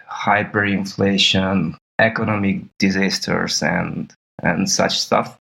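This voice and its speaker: A man in his thirties from Serbia, a podcast guest talking through his background in a slow, measured way with small laughs. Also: fairly low pitch, creaky, a bit bright, low-quality recording. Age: 30s. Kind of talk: podcast interview.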